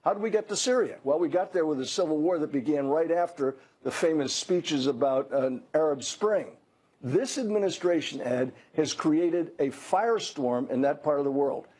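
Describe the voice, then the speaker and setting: A man's voice: on the high side, lively intonation, normal speed, dark tone, low-quality recording. An older man giving blunt, emphatic commentary as a guest on a news interview, often restarting his words. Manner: blunt, emphatic, self-correcting.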